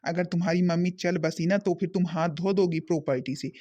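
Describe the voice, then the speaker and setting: A man's voice: high voice, fairly even intonation, brisk, dark tone. A man voicing a scheming greedy husband. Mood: coaxing. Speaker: scheming son-in-law. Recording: dull lo-fi sound.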